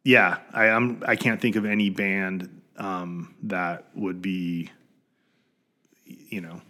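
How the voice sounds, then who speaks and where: A man in his forties co-hosting a podcast, talking in halting casual chat with many fillers. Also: sits low, fairly even intonation, bright, forceful tone. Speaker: podcast co-host.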